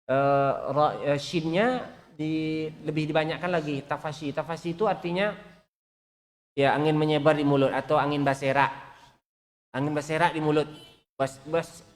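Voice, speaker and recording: A man's voice: a little high, steady tone, moderate pace. Man, Quran recitation teacher, patient, repeats sounds to copy, long reverb. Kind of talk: online recitation class.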